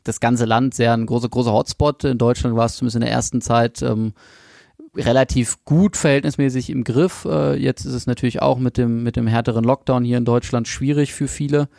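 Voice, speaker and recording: A man's voice: mid-range voice, fairly even intonation, fairly quick, gravelly, a little mellow, no echo, clean studio sound. A man hosting a podcast interview, asking long rambling questions with many fillers. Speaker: podcast host.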